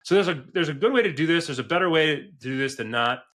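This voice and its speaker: Speaking fast with a fairly high, expressive and slightly bright voice, a forty-year-old business advisor hosts his advice podcast. He's conversational, earnest and emphatic, frequently tossing in "right?" to check in.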